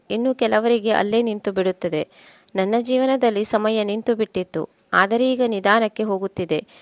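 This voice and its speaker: A woman narrates a scripted first-person story at a steady, reflective pace. Her voice sits at an ordinary middle pitch. The recording is close and dry, with no room echo.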